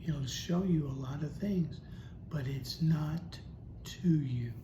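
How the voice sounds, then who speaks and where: Slow-talking man teaching the Bible. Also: fairly high pitch. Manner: conversational, storytelling, rhetorical questions. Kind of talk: casual Bible teaching talk. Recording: echoey room with steady noise.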